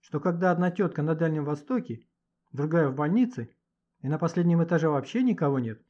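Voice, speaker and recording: A man's voice: a little high, expressive, a little fast, dark tone. A man reading an audiobook and voicing a cocky, boastful teenage boy with a brash, mocking manner. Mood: scheming. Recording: dull lo-fi audiobook recording.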